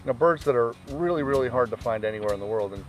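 A man's voice: medium pitch, lively intonation, rapid-fire. A man, a birdwatching journalist, giving chatty, upbeat interview answers outdoors on a lakeside lawn.

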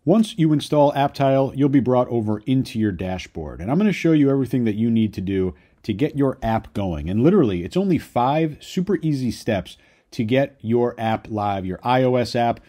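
A young adult man walking viewers through a software tutorial in an upbeat way, often tagging his sentences with "right?". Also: medium pitch, lively intonation, moderate pace. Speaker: online business course creator. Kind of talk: screen-share software tutorial.

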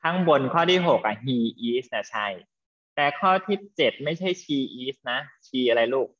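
A man teaching an English class to students, explaining slowly and patiently and affectionately calling them "child". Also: mid-range voice, lively intonation, a bit bright, lo-fi sound. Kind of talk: online class lesson with students.

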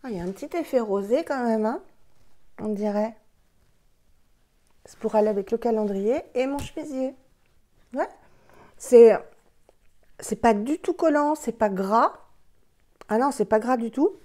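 A woman's voice: on the high side, unhurried, long pauses, dark tone. A woman beauty vlogger casually unboxing and trying products, chatty and enthusiastic, who talks to herself by name. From France.

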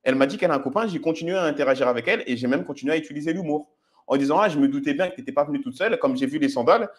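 A man's voice: fairly high pitch, racing. A man comments on footage of his own approaches and explains his dating advice to viewers in a direct, instructive way, often checking in with "ok?". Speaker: dating coach.

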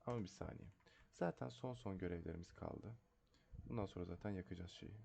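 A man's voice: low voice, a little fast, vocal fry, dark tone, a little hiss or hum. A man commentating a horror game as he plays, jumpy and panicky, chatting to himself, muttering prayers and shrieking when scared. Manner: chatty, talking to himself while playing. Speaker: gameplay streamer.

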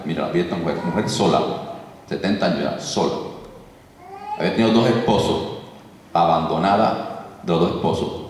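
Man preaching, deliverance sermon, casual and repetitive, low voice, distant mic, big echoey hall. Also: darkish tone, slight background noise. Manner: loose, repetitive, peppered with "ok". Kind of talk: conversational sermon.

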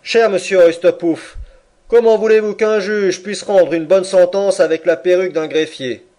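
A man's voice: high voice, fairly even intonation, moderate pace, mellow, pitched above the performer's own voice, close to an everyday voice. A man voicing a pompous, officious older magistrate in an audiobook. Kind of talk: audiobook character reading.

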